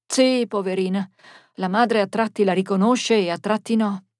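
A woman's voice: mid-range voice, steady tone, normal speed, a little mellow, no echo, studio quality, lightly acted. A woman voicing a chatty, gossipy middle-aged newsagent who knows everyone in town. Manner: chatty, knowing.

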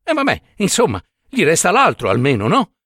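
A man's voice: a little high, huge pitch swings, a little fast, fairly bright tone, slightly rough, no room sound, studio quality, pitched above the performer's own voice, heavily acted. A man voicing a timid, awkward husband who speaks hesitantly and apologetically.

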